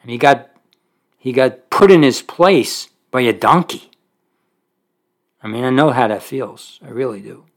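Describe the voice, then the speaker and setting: In this expository sermon, a man reads scripture verses aloud and unpacks them in everyday conversational asides, rising in intensity at the important points. His medium-pitched voice is animated, his pace measured, and he pauses often.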